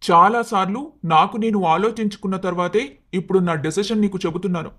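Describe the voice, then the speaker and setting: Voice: medium pitch, a little fast, fairly bright tone, close to an everyday voice. Someone voicing an earnest, hot-tempered young husband. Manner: pleading, emotional. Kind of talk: Telugu storybook cartoon dialogue.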